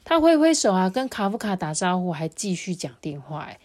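A woman, reading a storybook aloud to her child in an animated, sing-song way. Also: on the low side, a little fast.

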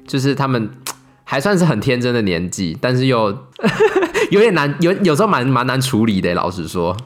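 A chat host reacts to a guest's stories with frequent laughs and exclamations. The voice swings sharply up and down in pitch from a mid-level base. Faint music plays under the conversation. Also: sing-song, normal speed. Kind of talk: casual interview chat. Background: faint background music.

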